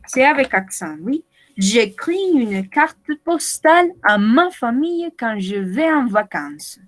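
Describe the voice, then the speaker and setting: Female language teacher, slightly high, unhurried delivery, patient and encouraging, video-call sound. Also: sing-song. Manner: patient, repeats and checks in with students. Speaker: French teacher. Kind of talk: online language class.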